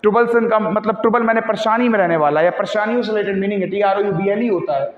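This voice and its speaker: A man's voice: high voice, fast talker. A man with an Indian accent teaching exam vocabulary in an instructional tone, spelling words out letter by letter and calling his students dear children. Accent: Indian English. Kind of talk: exam-prep vocabulary lesson. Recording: echoey roomy reverb, dull lo-fi sound.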